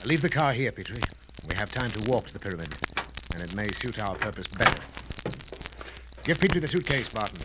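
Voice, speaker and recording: An actor in a noisy, clicking, tinny 1930s radio recording plays a commanding, determined male investigator. He barks orders in a clipped, authoritative, firm and purposeful way. His voice is lowish and sing-song, brisk yet broken by long pauses.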